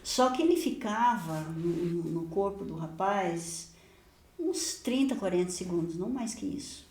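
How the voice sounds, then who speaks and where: A woman pastor telling a personal testimony in a podcast conversation, lively and often laughing, acting out the dialogue of her story. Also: lowish voice, unhurried, echoey room.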